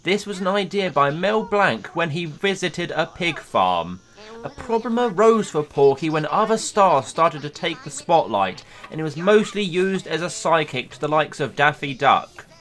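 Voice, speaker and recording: A man hosting a video, reading a scripted countdown narration in a playful, lively way. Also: on the high side, moderate pace. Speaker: YouTube host.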